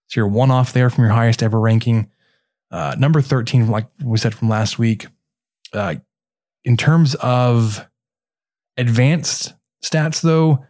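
A man co-hosting a sports podcast, going through stats casually with halting pauses. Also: medium pitch, darkish tone.

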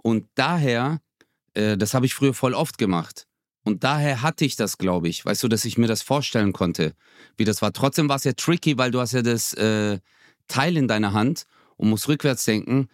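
A man's voice: medium pitch, normal speed, no echo. A man in his thirties chats on a podcast in an easy, slangy way. He slips into little acted-out quotes as he tells his stories. His voice sits in a middle register and sounds dry and close to the mic. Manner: loose, slangy storytelling, acts out quotes. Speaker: podcast co-host. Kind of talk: casual chat.

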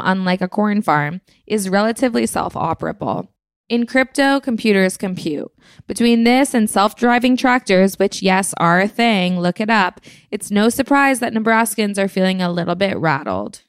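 A woman's voice: medium pitch, dry recording, clean studio sound. A woman hosting a podcast, giving scripted comedic commentary on the news in a wry, playful way with sarcastic asides. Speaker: podcast host.

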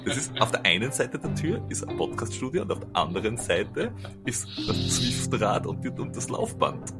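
A man's voice: mid-range voice, very animated, normal speed, over loud music. A man with an Austrian accent chatting casually as a podcast guest, joking and self-deprecating. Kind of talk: casual chat.

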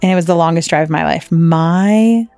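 Low-voiced woman telling stories. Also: normal speed, dark tone, dry recording, soft background music. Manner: chatty storyteller, swears freely, lots of "like". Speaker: podcast co-host. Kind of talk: casual chat.

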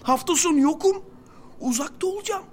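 An actress playing a frantic, clingy younger sister who talks in a whiny, tearful way. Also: female voice, very high voice, animated, a little fast, noisy background. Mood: anxious. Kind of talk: audio drama acting.

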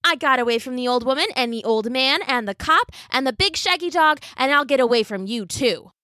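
A cocky little gingerbread cookie man, as a woman puts him on, squeaky and high. He chants and taunts in a bright, sing-song lilt, close and dry. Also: expressive, fairly quick, no room sound. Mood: taunting.

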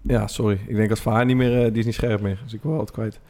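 A man's voice: lowish voice, fairly even intonation, fast, a little mellow. A man, co-hosting a casual podcast chat and telling rambling stories full of fillers. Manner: rambling storyteller with many fillers. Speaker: podcast co-host.

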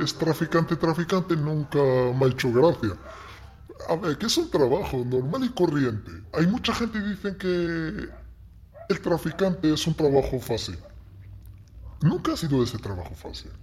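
A man from Morocco, telling his story in an interview in a halting way, repeating words. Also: fairly high pitch, a little mellow, a little hiss or hum. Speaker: interviewee, former smuggler. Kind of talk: interview testimony.

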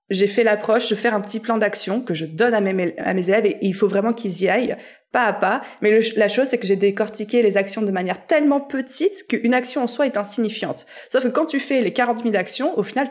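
Woman coach explaining in a mid voice. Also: mid-range voice. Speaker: guest, business coach. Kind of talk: casual interview chat.

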